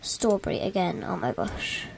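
A woman's voice: fairly low pitch, very animated, moderate pace, a little mellow, whispered. A woman vlogger giving casual commentary while playing a drawing game, humming and muttering to herself in a playful way.

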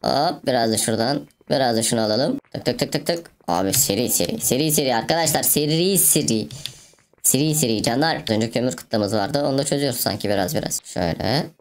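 A woman with a remarkably deep, low voice talks through a game for her viewers in a loose, joking style. She fills the gaps with mouthed tapping noises and quick asides. Faint keyboard clicks and a light hiss sit behind her. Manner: playful, chatty, makes mouth sound effects. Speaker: gaming video host. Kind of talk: let's play commentary.

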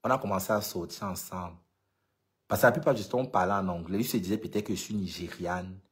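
Low and fast, this voice comes from a Cameroonian LGBT activist with a Cameroonian French accent. They deliver an informal vlog monologue to followers, emphatic throughout and repeating points for emphasis.

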